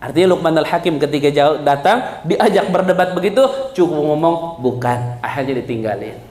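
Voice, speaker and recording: Man, religious teacher, lively storytelling, acts out dialogue, high voice, echoey room. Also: moderate pace. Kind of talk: pilgrimage guidance talk with storytelling.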